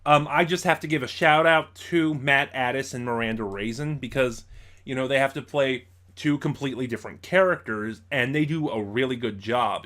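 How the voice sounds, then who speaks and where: Stumbling over his words and stopping to correct himself, a man hosts an informal spoken review in a halting way. His voice is mid-range, with a fairly bright tone.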